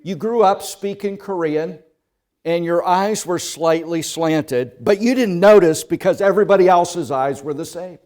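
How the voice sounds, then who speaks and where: Telling his sermon story in the second person, a male pastor speaks in a high voice at a slightly slow pace. He swells from quiet, hushed moments into loud ones.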